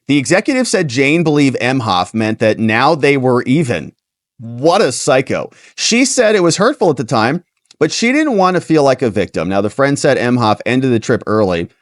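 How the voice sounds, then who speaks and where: A man hosting a livestream commentary, reading out a news story and cutting in with sarcastic remarks of his own. His pitch jumps around a lot as he reads, and the sound is dry and close to the mic. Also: dry recording. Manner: animated, sarcastic asides. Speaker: host.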